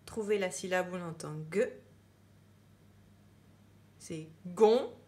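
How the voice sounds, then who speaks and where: Slow, deliberate woman teacher dictating. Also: fairly low pitch, warm tone. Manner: slow, clear dictation, spelling words letter by letter; repeats each word with emphasis. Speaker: primary school teacher. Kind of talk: dictation lesson for children.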